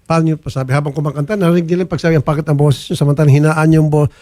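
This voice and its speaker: A man's voice: on the high side, fairly even intonation, very fast, mellow, dry recording. A man hosting a complaint program, firmly questioning the people in front of him and repeating their answers back. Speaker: program host.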